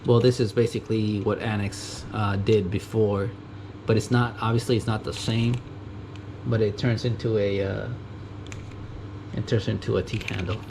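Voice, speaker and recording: Gravelly and fairly low-pitched, with a level tone and moderate pace, a US-born guy from a Mexican family shows off his tools at a junkyard in Japan. This casual tool vlogger rambles with ums, restarts, fillers, self-corrections, and chuckles. His GoPro camera mic picks up noisy audio with loud AC hum behind.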